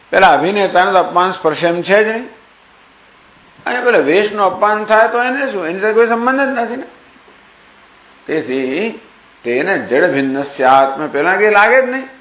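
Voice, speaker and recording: A man's voice: high voice, a bit bright. A man gives a scriptural discourse in a slightly raised voice. He recites verses and explains them by asking questions and answering them himself. The sound echoes noticeably around the room. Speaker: spiritual teacher.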